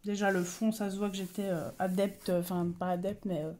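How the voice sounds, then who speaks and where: Chatty French-speaking woman, mellow. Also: medium pitch, level tone, fairly quick. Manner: chatty, hesitant, many fillers and self-corrections. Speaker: vlogger showing her coloring pages. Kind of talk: casual show-and-tell.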